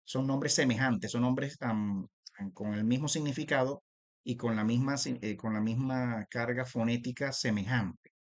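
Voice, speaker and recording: A man leads a recorded Bible lesson in a mid-pitched voice, talking straight to the listener and calling him brother. He restarts his phrases often, checks in with short tag questions, and slows right down to stretch out each ancient name. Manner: repetitive, addresses listener as "usted" and "hermano"; stretches out transliterated names slowly. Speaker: Bible teacher. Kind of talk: video lesson.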